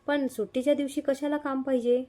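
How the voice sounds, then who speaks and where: A woman's voice: sits high, level tone, a little fast, mellow, close to an everyday voice. Woman reading as a curt, hot-tempered young husband. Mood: grumbling. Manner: snapping, irritable. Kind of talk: audio story reading.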